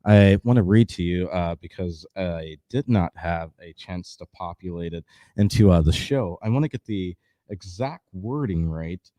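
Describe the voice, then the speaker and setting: Deep-voiced man hosting a news show. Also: normal speed, warm tone, dry recording. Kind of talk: casual news commentary.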